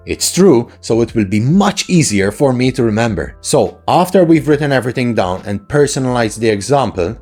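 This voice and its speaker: A man's voice: medium pitch, a little mellow. A man teaching an English lesson in a conversational, instructional way, often posing questions and checking in with short tags. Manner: rhetorical questions with frequent "right?" tags.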